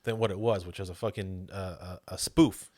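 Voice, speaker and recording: A man's voice: sits low, fairly even intonation, a little fast, mellow, no room sound. Podcast co-host, male, rambling and foul-mouthed, dry close mic. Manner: rambling, profane, laughs often while recapping. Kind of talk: casual movie review chat.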